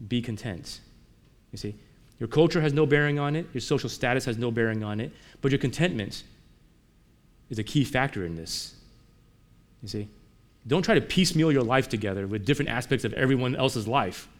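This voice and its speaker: Male pastor, mid-range voice, preaching conversationally; rhetorical questions, shifts between emphatic and hushed delivery. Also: medium pitch, lively intonation, a little fast. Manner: swings between emphatic and quiet. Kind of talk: sermon.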